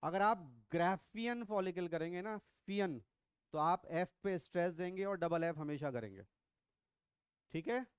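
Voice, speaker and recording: A man's voice: high voice, measured pace, smooth, no room sound, studio quality. A middle-aged man teaching biology to a class, quizzing and teasing his students as he lectures. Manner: teasing, quizzing students, mixes English into Hindi.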